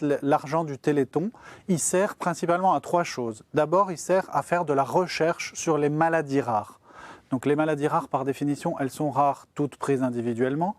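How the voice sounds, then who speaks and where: A man's voice: fairly high pitch, no echo. A man, a guest expert, explaining science simply on a broadcast show, step by step in plain words, as if to a child.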